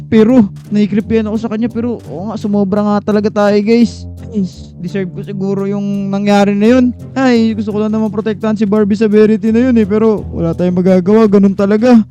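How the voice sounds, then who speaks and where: A man from the Philippines narrating a Minecraft role-play, jumpy and loud, constantly calling out to his viewers. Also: high voice, dull audio. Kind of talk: excited gameplay commentary and role-play.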